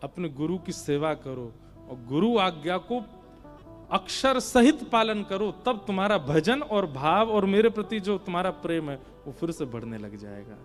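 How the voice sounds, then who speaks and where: High-voiced man telling a devotional story. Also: big pitch swings, soft background music. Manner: acts out the story's characters in raised, childlike voices; breaks into slow sung lines. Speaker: Bhagavat katha preacher.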